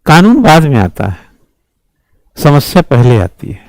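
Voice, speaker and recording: A man with a high voice teaching an exam-prep lecture, driving points home with questions and repeated refrains. The sound is close and dry, with no room echo. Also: very animated, measured pace, darkish tone. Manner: emphatic, rhetorical questions and repeated slogans. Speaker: civil services exam teacher. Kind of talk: classroom lecture.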